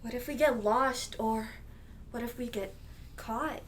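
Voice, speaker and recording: A woman's voice: a little high, unhurried, a little hiss or hum, close to an everyday voice. A young woman playing an anxious, skeptical student friend in scripted drama dialogue. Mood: worried. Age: young adult.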